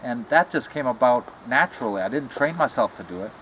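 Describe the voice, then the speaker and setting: A middle-aged man chatting casually and reflectively in a halting way, talking out of the side of his mouth. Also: mid-range voice, expressive, a bit bright, a little hiss or hum, poor audio. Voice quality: talks out of one side of the mouth. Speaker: retired comic book artist showing a car. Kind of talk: casual rambling chat. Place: outdoors beside a parked car.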